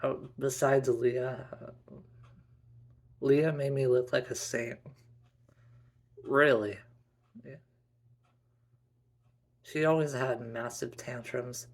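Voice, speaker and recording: A man's voice: medium pitch, fairly even intonation, extremely slow, long pauses. A man telling a first-person family fantasy story in a conversational way.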